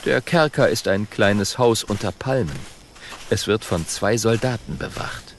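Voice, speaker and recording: A man narrating a children's audiobook in an expressive way. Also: fairly low pitch, a little slow, slight background noise.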